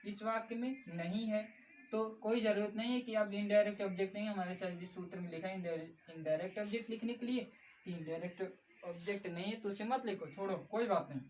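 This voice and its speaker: A woman's voice: medium pitch, steady tone, fast talker, a little mellow. A woman teaching a grammar lesson, patiently repeating key points and calling her viewers friends. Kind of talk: explanatory classroom lesson. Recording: slightly distant mic with faint background noise.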